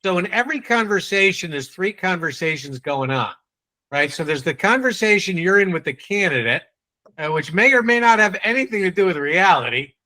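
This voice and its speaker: A man with a high, animated voice and a New England accent runs a live web-based sales training. He quizzes and teases the audience at a brisk clip, sounding pushed and bright.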